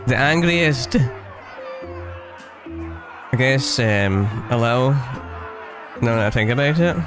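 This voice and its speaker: A man's voice: mid-range voice, lively intonation, slow. A man with a Scottish accent giving joking let's play commentary as a gaming streamer, laughing and teasing the characters. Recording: game music and crowd behind.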